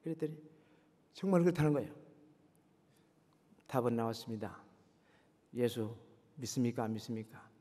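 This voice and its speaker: A man's voice: mid-range voice, moderate pace, long pauses, dark tone. A man preaching a sermon, earnestly exhorting his congregation and firing rhetorical questions at them. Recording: long reverberant hall.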